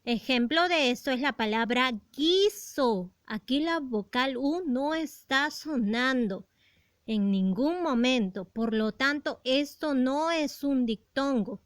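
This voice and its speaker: Slow, clear woman teaching a lesson. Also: sits high, expressive, no room sound, studio quality. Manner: slow, deliberate explaining with rhetorical questions. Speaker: primary school teacher. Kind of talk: recorded grammar lesson.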